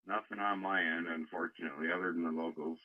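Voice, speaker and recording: A very deep-voiced man speaks in a calm, plain way as a CB radio operator. His voice arrives as a lo-fi shortwave radio transmission, dull and muffled in tone. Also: fast talker. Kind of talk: casual on-air radio chat. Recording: muffled radio link audio.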